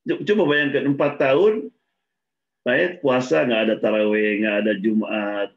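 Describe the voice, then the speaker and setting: Gravelly man telling sermon stories. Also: medium pitch, steady tone, unhurried. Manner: storytelling, acts out dialogue, laughs between points. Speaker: preacher. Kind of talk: informal religious talk with stories. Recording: dull lo-fi recording.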